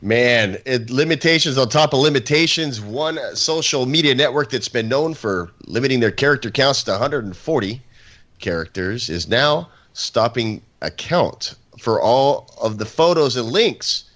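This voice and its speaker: A man co-hosting a tech podcast who talks in a halting way, with many fillers and restarts. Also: mid-range voice, animated, a bit bright, dull audio. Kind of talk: casual tech podcast chat.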